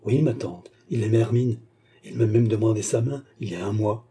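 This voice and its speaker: A man's voice: fairly low pitch, moderate pace, dark tone, natural voice. A male reader voicing a worried middle-aged mother who speaks in a subdued, plaintive way. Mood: sorrowful.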